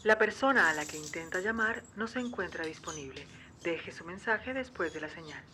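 A woman's voice: on the low side, normal speed. A woman voicing an automated voicemail announcement over a phone. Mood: impersonal. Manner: flat recorded announcement, formal phrasing. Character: automated phone-network voicemail voice, female, impersonal. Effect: automated voicemail announcement heard over a phone. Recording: phone speaker with loud line noise.

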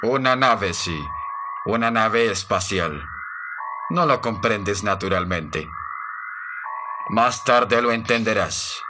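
A man voicing a calm, commanding male alien aboard a spaceship, speaking slowly and soothingly in a radio drama. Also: fairly low pitch. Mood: calm, coaxing. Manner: slow, soothing, authoritative. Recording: music playing underneath.

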